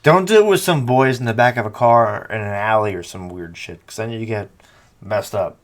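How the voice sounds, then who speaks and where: A man's voice: fairly low pitch, brisk. A man hosting a podcast in casual chat, teasing and swearing a lot. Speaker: podcast host.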